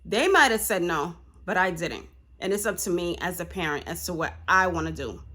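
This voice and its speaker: A woman's voice: fairly low pitch, animated, normal speed. A woman vlogging casually to her viewers as a parent, speaking, fired up and indignant, often asking "you know what I'm saying". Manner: heated, rising to indignant outbursts. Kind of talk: casual vlog talk to viewers. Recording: music loud behind the voice. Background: loud music.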